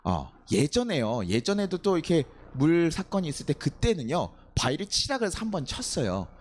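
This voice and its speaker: 중년 남자 목사가 밤 예배에서 회중에게 계속 물음을 던지며 대화하듯 설교한다. 목소리는 높은 편이고 억양이 넓게 오르내린다. 성경 속 인물의 말을 직접 흉내 내듯 생생하게 들려준다. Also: male voice, fairly high pitch, sing-song, moderate pace, a little mellow. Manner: conversational preaching, asking the congregation questions and acting out quotes. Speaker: pastor. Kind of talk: sermon at a night worship service.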